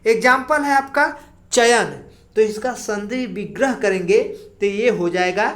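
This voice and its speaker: A woman teacher explaining grammar slowly for exam preparation, drawing out single sounds as she goes. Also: medium pitch, fairly bright tone. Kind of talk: exam-prep grammar lesson.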